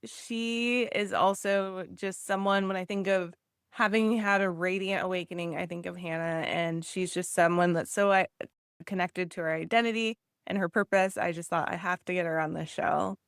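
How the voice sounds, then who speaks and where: A woman's voice: on the low side, steady tone, normal speed, clean tone, no room sound, clean studio sound. A woman hosting an interview podcast, upbeat and enthusiastic as she asks questions. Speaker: podcast host. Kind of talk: scripted intro then interview chat.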